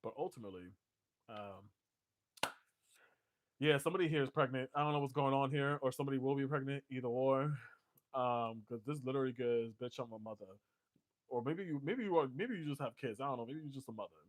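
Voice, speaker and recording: A man's voice: medium pitch, fast talker. A man giving a casual tarot reading in a loose, joking way, swearing and laughing often. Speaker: tarot reader.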